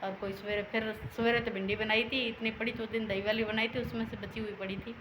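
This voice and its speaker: A woman's voice: a little high, little pitch movement, brisk, echoey room, noisy background. A woman in her thirties, a mother chatting casually to viewers in a home vlog, recorded on a handheld phone. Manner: chatty, addresses viewers as guys. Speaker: vlogger, mother. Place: village home rooftop and rooms.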